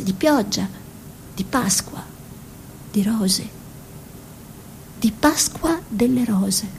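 In a theatrical radio monologue, a woman plays a proud, dreamy young peasant girl, speaking in short, incantatory phrases with hushed repetitions. The mood is pensive and dreamy. The recording is noisy, with a low rumble underneath.

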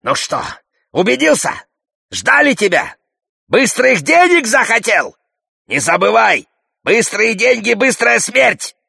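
A man voicing a shrill, scheming male hunchback warlord in an audiobook, shouting and taunting. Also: big pitch swings, slow, creaky, breathy edge, dry recording, clean studio sound, heavily acted. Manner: needling, taunting. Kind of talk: audiobook character voice.

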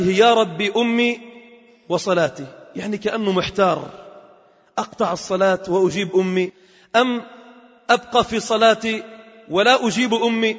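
A man's voice: high voice, a bit bright. A man giving a Friday sermon in a mosque, telling a story dramatically and drawing out phrases for emphasis. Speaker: preacher. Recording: dull lo-fi recording with long mosque reverb.

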